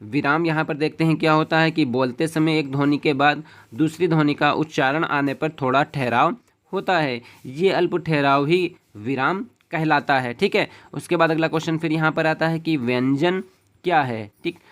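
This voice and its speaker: A man's voice: a little high, normal speed, fairly bright tone. A man teaching an exam-prep lesson in a step-by-step way, checking in with a short "okay" after each point.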